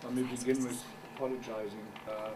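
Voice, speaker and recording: The speaker is a middle-aged journal editor, a native German speaker, presenting haltingly in English at a conference and reaching for words. His voice is mid-pitched, recorded from afar in a conference room against a steady background hum of noise.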